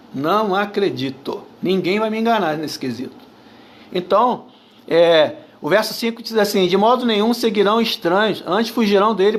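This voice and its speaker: A man's voice: very high-pitched, a bit bright. A man with a Brazilian Portuguese accent preaching a sermon as pastor, emphatic and repetitive, firing off rhetorical questions to the congregation.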